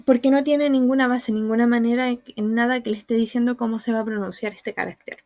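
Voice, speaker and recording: A woman's voice: a little high, fairly even intonation, darkish tone, no echo. A woman, patiently explaining sounds and writing in a recorded online lesson. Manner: slow, patient explaining with examples. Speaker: Mandarin teacher.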